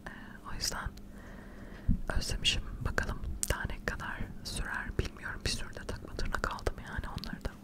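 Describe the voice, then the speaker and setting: A middle-aged woman whispering quietly in casual, rambling, self-deprecating ASMR chat, close to the microphone. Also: brisk. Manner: quiet, hushed late-night whispering. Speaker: ASMR video creator. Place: furnished living room at home, indoors. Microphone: furry-covered microphone close to the mouth.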